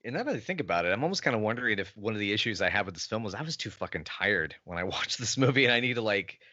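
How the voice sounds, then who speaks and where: A man co-hosting a film podcast, animated and quick to laugh. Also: on the low side, dry recording. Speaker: podcast co-host. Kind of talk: casual film review chat. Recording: dry, dull lo-fi audio.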